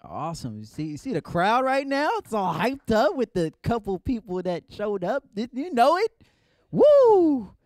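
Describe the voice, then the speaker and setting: A man's voice: high voice, sing-song, normal speed, hardly any pauses, no echo, studio quality. A young man from San Jose doing a stand-up set, playful and mock-indignant as he chats with the crowd. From San Jose, California. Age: young adult. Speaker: stand-up comedian.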